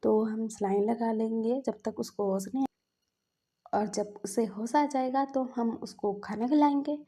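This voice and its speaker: A woman voicing a gentle older brother who talks in a soft, hushed, reassuring way. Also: on the high side, steady tone, unhurried. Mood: soothing. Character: gentle, calm older brother comforting his sibling. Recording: dull lo-fi recording.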